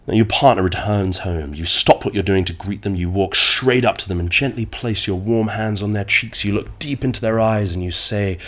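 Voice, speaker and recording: A man's voice: on the low side, moderate pace, few pauses. A man with a nasal, congested voice from a cold, hosting a solo podcast in a conversational, wordy and slightly dramatic way. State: getting over a cold. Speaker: podcast host.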